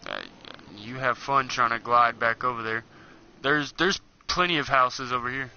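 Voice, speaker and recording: A man's voice: medium pitch, moderate pace, soft background music. A young man chatting casually and joking while playing an online game with friends. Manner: joking, rambling, playful. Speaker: gamer streaming with friends. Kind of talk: casual gameplay chat. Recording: dull lo-fi game capture with loud background noise.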